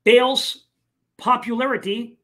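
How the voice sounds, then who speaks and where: A man hosting a live online talk show, speaking casually with many fillers and pauses. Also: very high-pitched, steady tone, fairly bright tone. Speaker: host.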